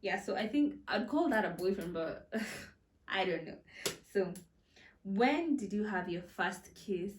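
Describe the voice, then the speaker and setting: A woman in her twenties chats through a storytime vlog, giggling and restarting her sentences as she goes. She sits a little back from the mic, so her voice is distant. The room around her gives it a clear echo. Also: medium pitch, expressive, a little slow, long pauses, a little hiss or hum. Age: 20s. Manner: chatty, giggly, with many fillers and restarts. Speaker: content creator. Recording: roomy echo, a bit far from the mic.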